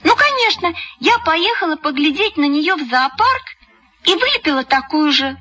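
Squeaky anxious little schoolgirl, excitable and high, put on by a woman. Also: moderate pace, recorded from a distance, dull audio. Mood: excited.

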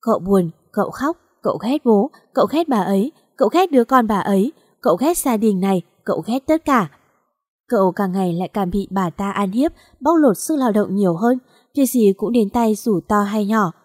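A woman narrating a sad story in a slow, mournful reading style. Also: medium pitch, expressive, darkish tone, no echo, studio quality. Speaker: audiobook narrator.

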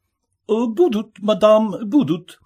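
A man voicing a courteous, obliging male French restaurateur who speaks slowly. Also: high voice, lively intonation, darkish tone, husky, lo-fi sound, voice pushed up, full character voice. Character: polite smooth-talking male French restaurateur.

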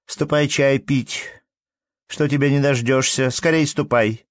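A man reading an audiobook and voicing a shrill, impatient woman who calls out loudly. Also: steady tone, measured pace, dry recording, clean studio sound, close to an everyday voice. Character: shrill impatient middle-aged woman, steward's wife.

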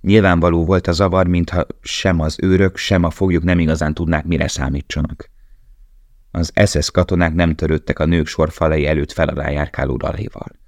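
A man narrates an audiobook in a remarkably deep, low voice. His reading is measured and somber, recorded close and dry with no room sound. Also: flat delivery, darkish tone, dry recording.

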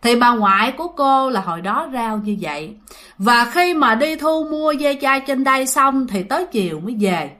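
Here a woman tells a ghost story in a chatty manner with a Southern Vietnamese accent, turning to her listeners directly. She sounds expressive and fairly bright, on the high side, at a normal pace.

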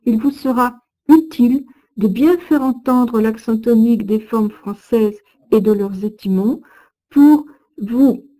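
Woman lecturer, mellow and somewhat high, measured careful delivery, syllables stressed. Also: poor audio. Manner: slow, deliberate diction, stressing syllables. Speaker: teacher of Old French. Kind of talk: recorded course lesson with recited verse.

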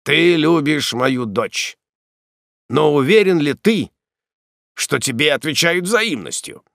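A man voicing an old former count and prisoner in an audiobook, speaking slowly and solemnly. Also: on the high side, animated, creaky, a bit bright, no echo, studio quality, voice pushed up, heavily acted. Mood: grave.

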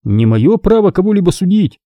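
A man voicing a calm, cautious teenage Jedi apprentice in an audiobook, speaking in a measured, gently reasoning way. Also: a little high, slightly rough, no echo, dull audio, pitched above the performer's own voice.

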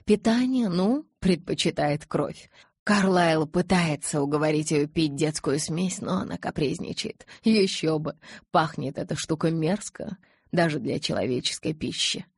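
A woman reading the part of a calm, teasing young male vampire husband in a quiet, dry, understated way. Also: deep voice, measured pace, vocal fry, husky, no echo, full character voice.

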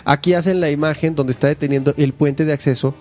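A Mexican man hosting a casual podcast, chatting in an animated, slangy way and acting out quotes. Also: fairly high pitch, fast talker. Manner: animated, slangy, acts out quotes in shifting voices. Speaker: podcast host. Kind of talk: casual chat.

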